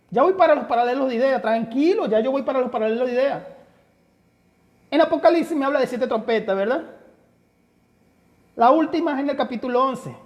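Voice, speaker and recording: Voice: high voice, dull audio. Bible teacher lecturing, pushy and emphatic, lots of questions to the room, long echo like a church hall. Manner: emphatic, rhetorical questions, addresses listeners as brother.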